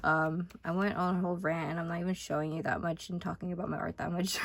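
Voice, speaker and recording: A woman's voice: fairly low pitch, level tone, fast, gravelly, slight background noise. A young woman, sick, chatting casually and rambling through a sketchbook tour, cutting herself off often. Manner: chatty, rambling, self-interrupting. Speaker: vlogger.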